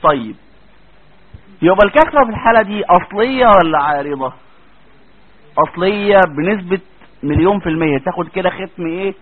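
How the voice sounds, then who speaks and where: A man's voice: high-pitched, lively intonation, a little fast, long pauses, breathy edge. A man with an Egyptian accent giving a classroom lecture as a teacher, speaking colloquially and often checking with his students. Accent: Egyptian Arabic. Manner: colloquial, keeps asking students check questions. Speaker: tajweed teacher. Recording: tinny phone-like lo-fi audio.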